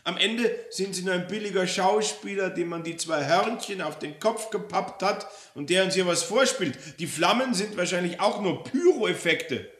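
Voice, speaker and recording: A man's voice: normal speed, hardly any pauses. A man voicing a feisty elderly woman who is bossy, indignant and relentless, reading a story aloud in a roomy space. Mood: scolding. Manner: shrill, scolding, loud and pushy. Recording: roomy echo.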